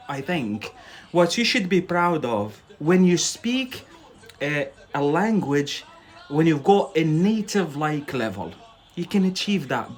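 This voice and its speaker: A young man with a fairly high voice teaches English on a live stream, though English isn't his first language. He chats casually with viewers, laughs a lot, and keeps adding "yeah?" to his sentences.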